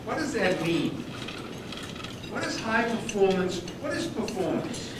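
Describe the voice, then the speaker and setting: In a high, sing-song voice at a measured pace, a South African man gives a conference presentation, emphatically stressing key words. He was taped from afar on old videotape in a large, echoey hall, with noisy dining sounds in the background.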